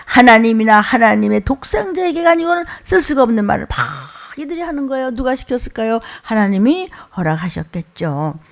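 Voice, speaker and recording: A woman pastor preaching a sermon in a church, animated and acting out the crowd's shouts as she searches aloud for words. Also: fairly high pitch, fairly quick, gravelly, hardly any pauses.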